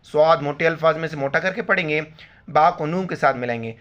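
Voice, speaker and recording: A man teaching Quran reading, spelling syllables slowly and adding quick explanations of the rules. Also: on the high side, a bit bright. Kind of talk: letter-by-letter recitation lesson. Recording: slightly dull lo-fi audio.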